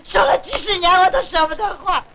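A woman's voice: high-pitched, lively intonation, quick pace. An actress playing a quarrelsome, wronged woman tenant who argues shrilly, in 1940s film acting. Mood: wailing. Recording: very hissy old film soundtrack.

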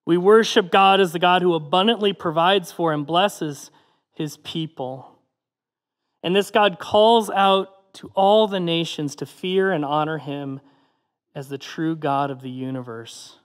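A man preaching a sermon as pastor, measured and earnest, slowing on key phrases and letting line ends fall away softly. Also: fairly high pitch, in a large hall. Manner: closes with a prayer.

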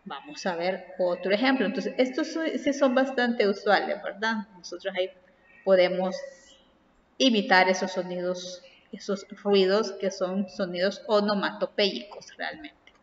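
Woman teacher in an echoey room. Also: mid-range voice. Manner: slow, explanatory, reads examples aloud. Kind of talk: recorded class lesson. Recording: far off, roomy echo, dull sound.

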